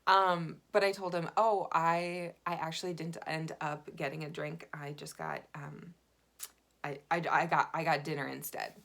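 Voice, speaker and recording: A woman vlogger telling a dating story in a chatty, animated way, full of fillers. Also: deep voice, moderate pace. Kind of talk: casual dating storytelling to camera.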